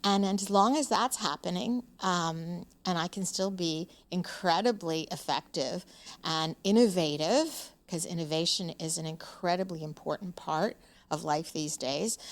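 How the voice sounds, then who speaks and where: An older woman in her seventies talks in a somewhat low voice as a podcast guest. She is frank and emphatic, pausing on fillers as she thinks. She then pushes her points with force. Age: 70s. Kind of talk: podcast interview.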